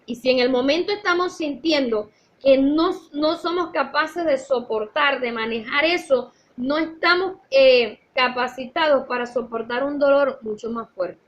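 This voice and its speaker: Woman, Sunday school teacher, high voice, earnest church teaching with personal stories, dull lo-fi recording. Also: a little slow. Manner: earnest, storytelling, addresses listeners as brothers.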